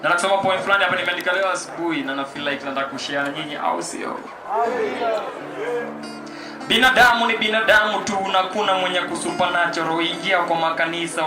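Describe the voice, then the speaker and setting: A Kenyan man hosts a poetry night before a live audience in a large hall, his slightly high voice carrying reverb. He recites rhyming spoken word in Sheng with a rhythmic delivery, switching between Swahili slang and English.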